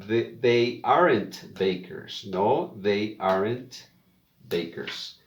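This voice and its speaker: A male teacher talks a beginner class through English phrases, repeating each one with slow, careful emphasis. His voice sits at a middle pitch and carries an echo from the room around him. He keeps a plain classroom manner throughout. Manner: slow, deliberate drill of example phrases.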